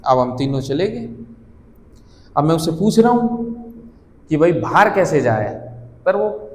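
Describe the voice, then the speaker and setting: A young man doing stand-up storytelling, animated, acting out his friends' lines and swearing freely. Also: a little high, a little slow. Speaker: stand-up comedian. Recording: echoey hall with long reverb.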